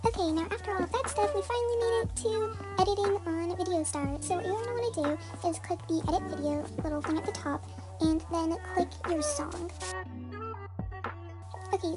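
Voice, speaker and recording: Very high voice through a voice changer. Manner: chatty, many "like" and "um" fillers. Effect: voice changer disguising the voice, pitched very high. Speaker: tutorial channel host. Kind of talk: casual step-by-step tutorial.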